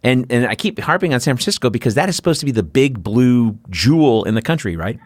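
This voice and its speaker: A male host talks politics in a blunt, profane rant, with his pitch leaping up and down as he gets worked up. His voice is recorded dry and close, with no room sound. He mixes sarcastic mock quotes into his storytelling. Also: animated, quick pace, no echo. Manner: blunt, profane, ranting delivery. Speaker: podcast host. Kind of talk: political talk show conversation.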